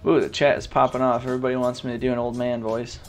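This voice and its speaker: A man's voice: mid-range voice, little pitch movement, fast talker, faint music behind. A man hosting and commentating a gaming tournament stream, chatty and joking with the live chat.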